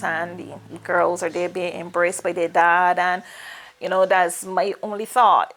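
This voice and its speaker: A woman's voice: fairly low pitch, vocal fry, a bit bright. Reflective Barbadian woman telling her story. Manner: reflective, unhurried, with pauses and fillers. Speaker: guest. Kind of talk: personal life story.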